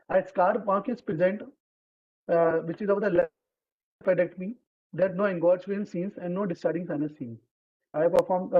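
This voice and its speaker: Husky young man, on a video call. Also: high voice. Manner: reads slides steadily with frequent "uh" fillers. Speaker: resident doctor presenting a case report. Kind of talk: academic case presentation. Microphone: computer mic on a video call. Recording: dull lo-fi video call audio.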